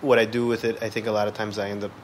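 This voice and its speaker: A musician in his thirties, a guest on a podcast, chats casually in a lowish voice with little pitch movement and rapid-fire delivery. He's slangy and rambling, using "like" constantly, and there's noticeable background noise.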